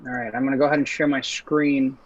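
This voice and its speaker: A man's voice: medium pitch, little pitch movement, quick pace. A young man from Ecuador, raised in Puerto Rico, giving a casual webinar talk as a guest engineer. He speaks earnestly and loosely, with frequent fillers and restarts. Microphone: video call. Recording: muffled video-call audio.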